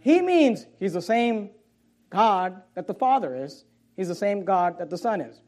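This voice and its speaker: A man preaching a sermon as pastor, emphatic and at times sarcastic, with quick swings in volume. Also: high-pitched, sing-song, darkish tone.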